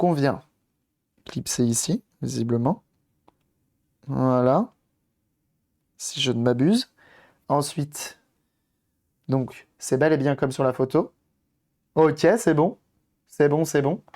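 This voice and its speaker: Hoarse male streamer, casual and chatty, mid-pitched, talking viewers through hands-on modding work. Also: slow, pauses often, a little mellow. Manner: chatty, talks to viewers while tinkering, thinks aloud. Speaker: streamer doing electronics modding. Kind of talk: casual live-stream chat while working.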